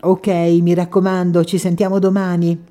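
A woman reading the lines of a concerned male friend in an audiobook, in a gentle, solicitous tone. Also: on the low side, level tone, moderate pace, natural voice.

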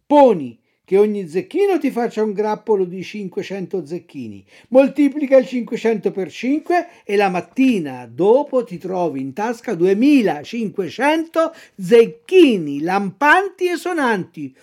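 A woman voicing a sly, smooth-talking male fox swindler in a storybook reading, coaxing and theatrical. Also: medium pitch, very animated, measured pace, hardly any pauses, a little mellow, pitched above the performer's own voice.

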